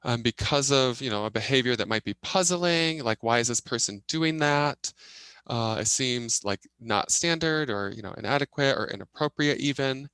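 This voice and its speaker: A man working as an interpreter, giving simultaneous interpretation of a signed presentation in halting phrases delivered in short bursts. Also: mid-range voice, animated, pushed and bright, clear, resonant tone, no echo. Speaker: sign language interpreter voicing a deaf presenter.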